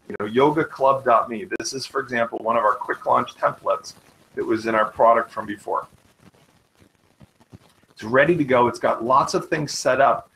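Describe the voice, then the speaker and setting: A man hosting a live web tutorial, talking fast and eagerly in an informal sales manner while demonstrating software. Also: mid-range voice, rough recording. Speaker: webinar host.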